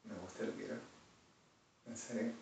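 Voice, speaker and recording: Argentine man, rambling solo monologue, erratic swings from mutter to shout; distant mic, heavy room echo. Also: on the low side, fairly even intonation, moderate pace, a little hiss or hum. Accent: Argentine Spanish. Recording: very echoey room, far from the mic.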